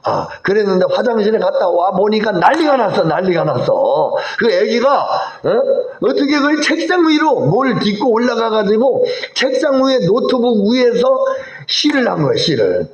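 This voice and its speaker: Male pastor preaching, high lively voice, keeps asking the congregation stuff, echoey church, kinda muffled. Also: moderate pace. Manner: animated, asks the congregation questions. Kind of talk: sermon. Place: church sanctuary.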